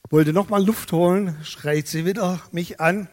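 A man preaching a sermon, telling stories lively and acting out the dialogue. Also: sits high, a little slow, long reverb tail. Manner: lively storytelling, acts out dialogue. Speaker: pastor.

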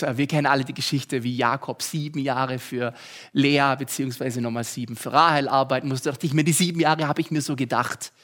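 German pastor preaching a personal story. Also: male voice, sits high. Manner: storytelling, acts out his own pleas with sudden loud rises. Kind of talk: sermon with personal testimony.

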